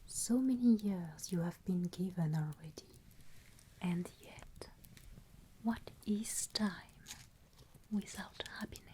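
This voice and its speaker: Woman doing a gentle but scolding christmas ghost lady, whispered asmr, really slow, bit of background hiss. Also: lowish voice. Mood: solemn. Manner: slow, hushed, storytelling whisper. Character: solemn, gently admonishing female Ghost of Christmas Present.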